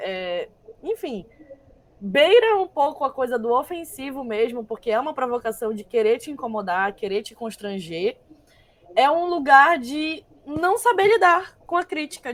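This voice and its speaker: A young woman speaks as a panel guest, reflective and deliberate. Her voice sits somewhat high, and she often restarts her sentences while thinking aloud. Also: a bit bright. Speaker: guest, text reviser. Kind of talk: panel discussion talk.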